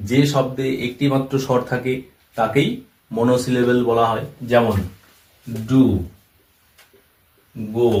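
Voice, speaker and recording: Male teacher giving a slow, repetitive lesson, recorded from a distance in a reverberant room. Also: mid-range voice, darkish tone. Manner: slow, step-by-step, repeats terms and examples. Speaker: English teacher. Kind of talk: classroom-style lesson explanation. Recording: roomy echo, voice from far off the mic.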